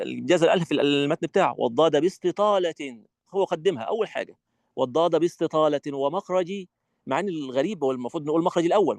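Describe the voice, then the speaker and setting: A man with an Egyptian accent teaches recitation to fellow teachers at a rapid clip, his voice sitting a little high for a man. He speaks with animated, demonstrative energy, and the dry, close sound has no room echo. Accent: Egyptian Arabic. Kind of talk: online teacher training lesson.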